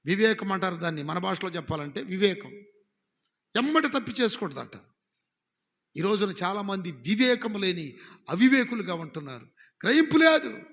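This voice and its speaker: High-voiced Telugu pastor preaching in a hall. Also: male voice, creaky, a bit bright. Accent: Andhra Telugu. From India. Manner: exhorting, calls congregation to repeat phrases. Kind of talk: sermon. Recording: live sermon with long hall reverb.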